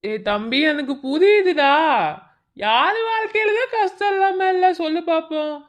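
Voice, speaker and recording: A woman voicing an older male village drinker in a cartoon, speaking in a Madurai Tamil accent and scolding a younger friend in a gruff, slangy and tender way. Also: very high voice, expressive, moderate pace.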